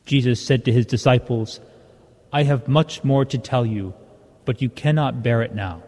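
A priest reads the gospel and preaches in a soft, dark-toned voice. He talks plainly and conversationally, as if explaining to his parish. Each phrase rings out into the long, lingering reverb of a large church, like a cathedral echo. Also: medium pitch, normal speed. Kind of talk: Mass gospel reading and homily.

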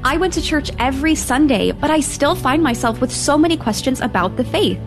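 A young woman hosts a radio promo in a personal, inviting tone. Her voice sits a little high, and a clear music bed plays under her. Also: lively intonation, fairly quick. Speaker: radio host.

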